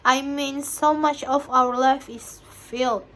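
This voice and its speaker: A young woman student reads an interview transcript aloud for a listening assignment. Her voice sits fairly high, and she moves slowly through the text. She trips over words and restarts them often. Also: steady tone, a bit bright. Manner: halting reading with frequent restarts.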